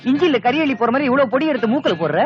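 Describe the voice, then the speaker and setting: A man's voice: very high-pitched, lively intonation. An actor playing a witty, sarcastic young village man in an old comedy film. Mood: mocking. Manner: sarcastic, quick comic retorts. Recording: muffled old film soundtrack with music.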